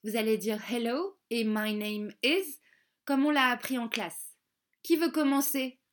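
A woman voicing a kind schoolteacher who gently guides her pupils in a children's storybook. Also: a little high, steady tone, measured pace, close to an everyday voice. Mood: encouraging.

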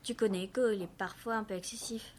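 A woman voicing a young girl who answers evasively and with striking calm. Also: mid-range voice, quick pace, close to an everyday voice. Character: young girl, defiant then coolly calm.

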